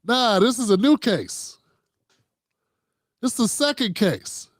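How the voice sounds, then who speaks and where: Slow and sing-song, the host's high voice comes through a dry, studio-quality recording. On his own show he rambles about politics in a loose, profane way, calling his audience "fam."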